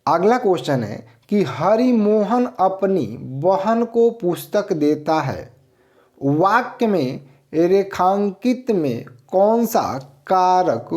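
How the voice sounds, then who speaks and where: Slow, lively male grammar teacher. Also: high-pitched. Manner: explains slowly, repeats answers, asks and answers own questions. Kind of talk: grammar lesson.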